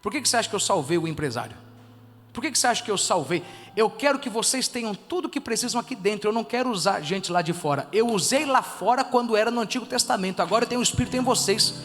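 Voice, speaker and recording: High-voiced Brazilian pastor preaching in a hall. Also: male voice, lively intonation, quick pace, faint music behind. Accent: Brazilian Portuguese. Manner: emphatic preaching, swinging from loud exhortation to soft, intimate asides. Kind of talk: sermon. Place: church hall.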